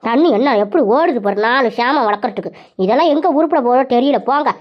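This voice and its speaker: Shrill scolding mother-in-law. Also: animated, fast talker. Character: nagging middle-aged mother-in-law, scolding. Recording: dull lo-fi.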